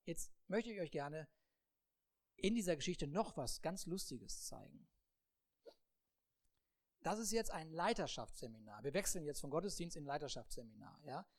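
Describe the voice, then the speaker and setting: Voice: mid-range voice, expressive, normal speed, pauses often. A preacher giving a humorous sermon, acting out the people in the Bible story and laughing often. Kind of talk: sermon with acted-out Bible scenes.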